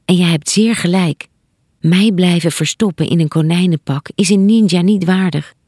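A woman's voice: fairly low pitch, normal speed, warm tone, husky, dry recording, studio quality. A woman voicing a solemn ninja in a rabbit suit who speaks in a formal, stilted way.

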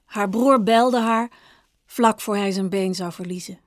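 A woman author reading her own short story aloud in a calm, measured, understated way. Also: medium pitch, no room sound, clean studio sound. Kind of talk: audiobook narration.

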